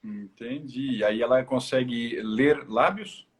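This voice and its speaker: A man's voice: medium pitch, takes it slowly. A man hosting a live interview, asking thoughtful follow-up questions. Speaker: host.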